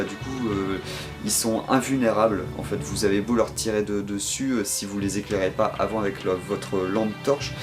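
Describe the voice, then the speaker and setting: French man, halting collector chat. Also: fairly low pitch. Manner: hesitant, many fillers and restarts. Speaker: game collector showing his purchases. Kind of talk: casual video commentary.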